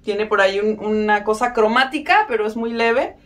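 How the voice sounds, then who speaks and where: A woman's voice: mid-range voice, normal speed, faint music behind. A woman giving a casual violin lesson, friendly and self-mocking, counting beats aloud. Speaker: violin teacher.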